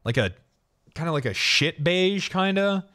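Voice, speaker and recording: An American man with a high, bright voice reacts live as a streamer. He is joking and profane, swinging widely in pitch as he comments casually. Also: animated, a little slow. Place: indoor home streaming room.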